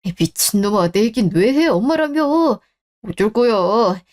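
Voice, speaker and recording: A woman's voice: mid-range voice, lively intonation, a little slow, darkish tone, close to an everyday voice. A woman playing a stubborn resentful husband. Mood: defensive. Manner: defensive, whiny and indignant. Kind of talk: radio drama acting.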